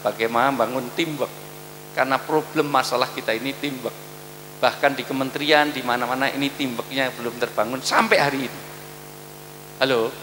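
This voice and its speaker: A man's voice: mid-range voice, background noise. A man giving a humorous sermon to hospital staff, joking and acting out scenes. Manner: joking, animated, acts out angry shouting. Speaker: preacher. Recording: echoey hall with long reverb.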